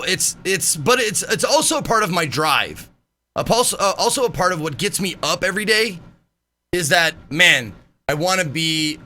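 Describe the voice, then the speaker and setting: A man streaming live, chatting casually in a loud, animated way and swearing freely. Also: fairly high pitch.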